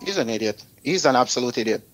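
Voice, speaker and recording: This talk-show host has a Jamaican accent, a medium pitch, lively intonation and a quick pace, captured on a low-quality recording. His radio talk is opinionated advice for artists, and he drives it home bluntly, repeating himself for emphasis.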